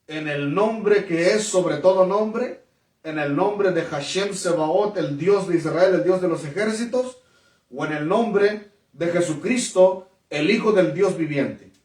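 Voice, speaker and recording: A man with a somewhat high voice delivers an emphatic testimony sermon, stumbling over fillers and repeated words. He stands away from the microphone, and his voice rings in an echoey room. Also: distant mic. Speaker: preacher.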